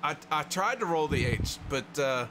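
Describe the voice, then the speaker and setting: A man's voice: fairly high pitch, expressive, moderate pace, background noise. A man with a Missouri accent doing race commentary with casual banter. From Missouri, USA. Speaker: sim racing commentator.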